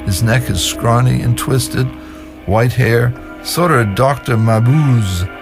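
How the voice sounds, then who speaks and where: A man's voice: mid-range voice, slow pace, vocal fry. A man reading screenplay stage directions in a matter-of-fact way for an audio drama. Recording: music playing behind.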